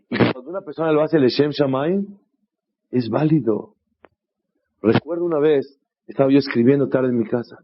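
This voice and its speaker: A man, a rabbi, giving a sermon in an animated storytelling way, asking rhetorical questions and acting out the voices in his stories. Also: medium pitch, slight background noise. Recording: dull lo-fi recording.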